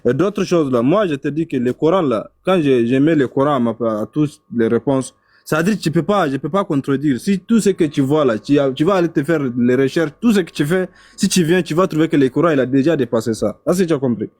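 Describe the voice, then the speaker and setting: A young man in his twenties answering back in a heated public debate, halting and defensive. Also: on the high side, expressive, darkish tone, no room sound. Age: young adult. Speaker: audience member asking questions.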